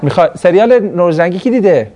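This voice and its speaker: A middle-aged man teaching a class, telling a story with lively delivery and acting out the voices of the people in it. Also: high-pitched. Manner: animated storytelling, acts out quoted voices, laughs. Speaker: teacher of Islamic studies class. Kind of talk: classroom lecture with anecdotes.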